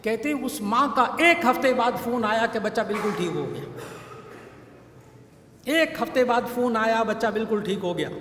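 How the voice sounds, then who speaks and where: A man's voice: very high voice, fairly bright tone. A man preaching a sermon and telling a story in an earnest way, repeating his key phrases for emphasis. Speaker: Islamic scholar and preacher. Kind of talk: sermon with an anecdote. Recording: echoey hall with faint background noise.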